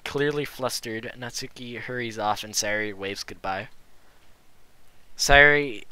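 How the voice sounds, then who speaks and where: A man's voice: mid-range voice, a little slow, sharp tone, smooth. A man narrating and voicing the player character in a live fan dub, earnest and reassuring.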